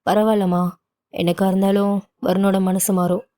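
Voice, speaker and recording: A woman voicing a calm, forgiving wealthy father who speaks in a gentle, reassuring way. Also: medium pitch, normal speed, natural voice.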